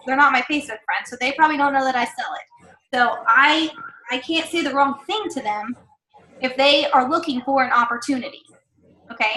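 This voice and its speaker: A woman's voice: sits high, pushed and bright, echoey room, low-quality recording. A woman giving chatty, encouraging sales training to her team, with lots of fillers and asides. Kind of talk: casual coaching talk.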